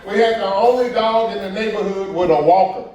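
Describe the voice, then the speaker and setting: A male stand-up comedian doing crowd work on a cruise ship, loud and animated as he quizzes the audience, heard in an echoey lounge from a distance with the crowd answering. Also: high voice, a little fast, dull audio. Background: audience laughing and answering.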